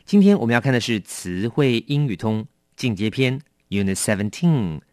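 A man teaching English vocabulary in a lively, coaxing way, asking his learners questions. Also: medium pitch, moderate pace, no echo, clean studio sound. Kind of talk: bilingual vocabulary lesson.

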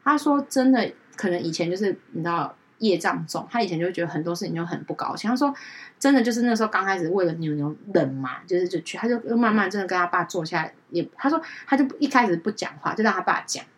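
A woman, a pet communicator chatting on a podcast and retelling conversations, acting out the other voices with big leaps in pitch. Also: quick pace. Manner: animated, acts out quoted dialogue with big pitch jumps. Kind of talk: casual podcast storytelling.

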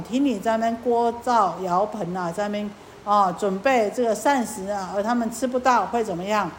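A woman, a Buddhist nun, giving a lecture with many drawn-out fillers and rhetorical questions. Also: mid-range voice, slight background noise, low-quality recording. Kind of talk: Buddhist sermon.

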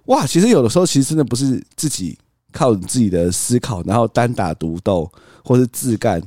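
A man's voice: medium pitch, sing-song, brisk, dark tone, dry recording, clean studio sound. A man co-hosting a casual podcast, a father telling stories about his toddler and acting out the child's replies. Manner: storytelling, acts out toddler's cries. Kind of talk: casual chat.

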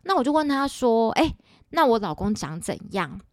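A woman's voice: a little high, moderate pace, no echo, studio quality. A woman in her forties with a Taiwanese Mandarin accent, hosting a podcast and telling a personal story in a chatty, dramatic way. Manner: animated, chatty, dramatic retelling with quoted dialogue. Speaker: podcast host.

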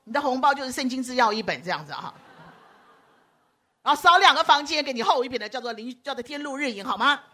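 Animated high-voiced woman preacher. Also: fast. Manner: animated, teasing, acts out quoted voices. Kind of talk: lively sermon with audience banter.

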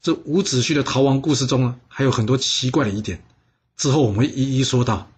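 A man telling a history story in a lively way, putting on voices for the characters and asking his listeners questions. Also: mid-range voice, fast. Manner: asks listeners rhetorical questions.

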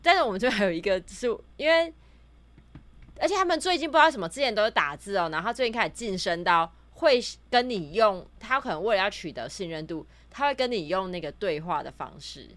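Lively Taiwanese-accented woman storyteller. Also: mid-range voice, fast talker, dry recording. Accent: Taiwanese Mandarin. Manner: animated storytelling, acts out quoted dialogue. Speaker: podcast co-host, real estate agent. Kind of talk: casual chat.

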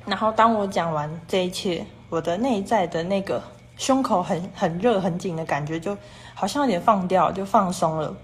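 A woman's voice: fairly low pitch, normal speed. A woman hosting a casual livestream, talking in long rambling runs strung together with "and then" and chatting with viewers about their comments. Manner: rambling and repetitive, strings clauses with "and then". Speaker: livestream host.

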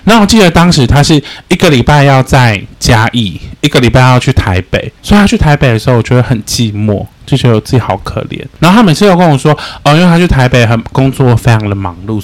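Young man, podcast guest; quick, animated storyteller. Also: lowish voice. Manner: animated storytelling, laughs often. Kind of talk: casual chat.

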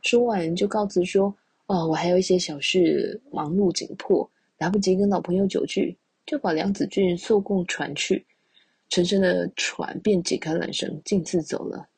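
A woman podcast storyteller with a low, gravelly and very husky voice. Her tone is warm and mellow, and the recording is close and dry. She alternates between reading classical prose and retelling it in relaxed, conversational speech with playful asides. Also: moderate pace, no room sound. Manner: reads classical lines then explains with chatty asides. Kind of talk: reading classical text then retelling it casually.

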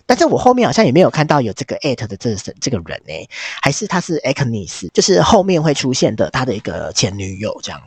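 A hoarse man, retelling a movie plot in a casual, animated way as a podcast host. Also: mid-range voice, fast talker, no room sound. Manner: animated storytelling, acts out the quotes. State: hoarse from a cold.

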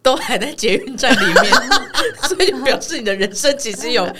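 A young woman, co-hosting a casual podcast chat, talking emphatically and quick to agree and pile on. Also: a little high, expressive, heavy background noise. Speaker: podcast co-host.

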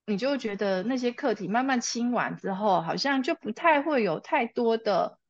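A woman's voice: a little high, lively intonation, moderate pace, no echo, dull audio. A woman, a mother and interview guest, telling a personal story and often laughing. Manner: laughs often, quotes herself and her child.

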